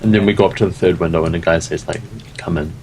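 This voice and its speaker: Low-voiced man at a gaming table. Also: steady tone, racing, creaky, darkish tone. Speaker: tabletop game player. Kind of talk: casual chat, joking. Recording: faint background noise.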